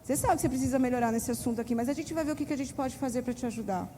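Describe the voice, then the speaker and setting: A Brazilian woman speaks earnestly to a church audience, her voice fairly high but mellow and soft-edged. She talks in a confessional, heartfelt way, calling her listeners brothers and sisters. Her words ring out with a long reverb in a large church hall, with a faint background hiss. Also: rapid-fire. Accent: Brazilian Portuguese. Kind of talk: church talk to parents.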